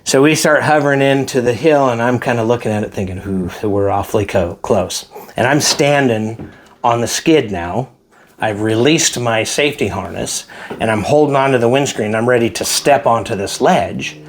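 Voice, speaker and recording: Male guest, casual interview storyteller, lively when quoting others. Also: mid-range voice, normal speed, a little hiss or hum. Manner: animated storyteller acting out quotes. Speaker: helicopter pilot guest.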